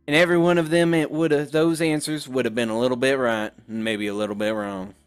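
A man's voice: mid-range voice, fairly even intonation, fast talker, clean tone, lightly acted. A man voicing a kind, earnest female farm pony with a put-on Southern US accent. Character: kind farm pony mare with country drawl.

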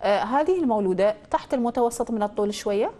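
A woman's voice: a little high, expressive, very fast, dark tone. A woman with an Iraqi accent hosting a call-in astrology show. She quizzes a caller with probing questions, then gives confident pronouncements over a studio mic. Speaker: astrologer host.

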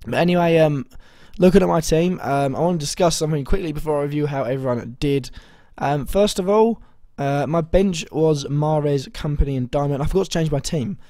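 A young man speaks in a warm, relaxed tone that is a little hoarse as his voice recovers. He rambles casually, hesitating often and correcting himself mid-sentence. The sound is dry and close, with no room around it. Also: on the high side, brisk, few pauses, no room sound. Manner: rambling, hesitant, full of ums and self-corrections. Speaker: fantasy football vlogger. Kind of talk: casual video commentary.

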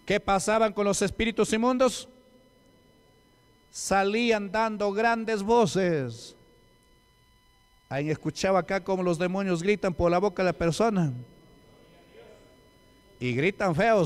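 Man preaching in a ringing hall. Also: high voice. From Peru. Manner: emphatic, asks the congregation rhetorical questions. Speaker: deacon preaching. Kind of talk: sermon. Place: church hall. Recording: long church hall reverb.

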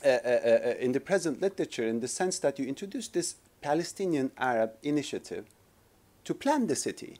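A man's voice: medium pitch, very animated, brisk, darkish tone. A man from Turkey in his forties, responding as a discussant on a conference panel, hesitating often with fillers and restarts, speaking from a podium in a lecture hall. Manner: hesitant, many filler restarts, gestures with notes. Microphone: podium microphone.

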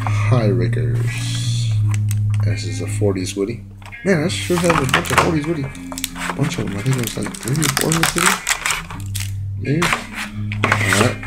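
Texan man, mid-pitch, rambling hobby vlogger, music bed under him. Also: moderate pace, pauses often, poor audio. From Texas. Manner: excited, rambling, talks to himself while handling toys. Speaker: toy car collector vlogger. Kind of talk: casual unboxing vlog.

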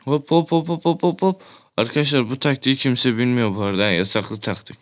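A young man giving excited, loud gameplay commentary as a gaming YouTuber, swearing often and breaking into shouts. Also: mid-range voice, quick pace.

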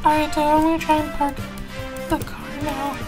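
A woman plays Mario, a jittery young racer who stammers and repeats himself over and over. His voice sits very high, and he frets aloud in a fan-made toy video. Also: flat delivery, moderate pace, music in the background, natural voice. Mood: cheerful.

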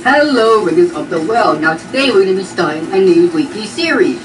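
A woman's voice: medium pitch, lively intonation, brisk, distant mic, noisy background, close to an everyday voice. A woman doing an impression of an upbeat male YouTube host who delivers a scripted video intro.

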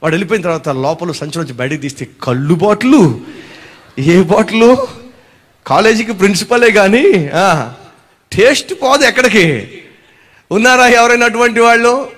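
A male pastor preaching a sermon, animated and firing questions at his congregation. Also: sits high, normal speed, long pauses.

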